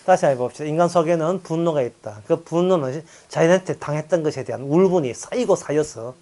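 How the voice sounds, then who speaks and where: With a Gyeongsang Korean accent, a male pastor gives a lively Bible lecture, acting out quoted voices and chuckling along the way. His pitch is fairly high and he talks fast.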